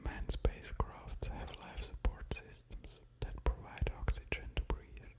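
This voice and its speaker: Male, whispered ASMR, very slow, hesitant and musing, close-miked ear to ear. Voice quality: soft unvoiced whisper. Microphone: close-up stereo ear-to-ear microphone.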